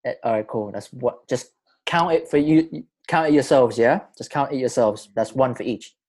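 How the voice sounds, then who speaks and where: A male podcast host chats casually in a London roadman accent. His voice sits at a middle pitch, and he talks in loose street slang, often doubling back on his phrases. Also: normal speed, a little mellow. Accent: London roadman, urban slang. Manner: slangy, informal, repeats himself.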